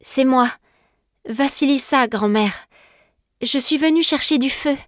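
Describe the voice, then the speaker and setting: Brief: frightened polite girl, played by a woman, pitched high, pleading. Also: unhurried, fairly bright tone, no room sound, studio quality. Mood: timid.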